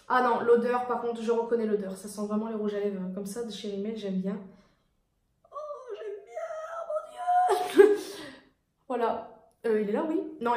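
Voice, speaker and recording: A woman with a French accent talks through a beauty haul in a relaxed, rambling way, with many fillers and restarts. Her voice sits a little high. The room around her is bare and echoey. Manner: chatty, rambling, frequent fillers and self-corrections; swatching lipsticks while talking. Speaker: beauty vlogger. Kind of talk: casual haul video chat.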